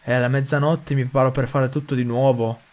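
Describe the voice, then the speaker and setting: A man reading aloud the lines of a tired male farmer stuck in the same daily routine, in a flat, worn-out recital. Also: mid-range voice, brisk, close to an everyday voice. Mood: weary. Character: weary old male farmer in a loop. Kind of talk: reading game dialogue aloud.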